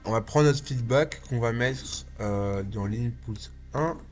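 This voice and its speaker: Slow-talking man with a slight lisp. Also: mid-range voice, soft background music. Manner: informal, step-by-step, thinking aloud. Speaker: tutorial host, video artist and VJ. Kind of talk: casual software tutorial. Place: small indoor home studio.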